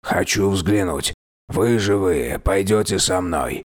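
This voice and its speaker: A man voicing a slow-spoken undead old king. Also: low voice. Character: dead mummified old male king, cheerful and curious.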